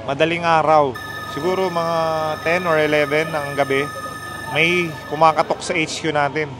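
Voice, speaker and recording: Brief: animated male host, high voice, faint street noise, casual storytelling. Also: normal speed. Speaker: motorcycle club host.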